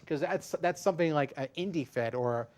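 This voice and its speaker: This wrestling podcast co-host has a fairly high, slightly mellow voice and talks fairly quickly. He explains things in a rambling way, frequently restarting his sentences during the casual chat.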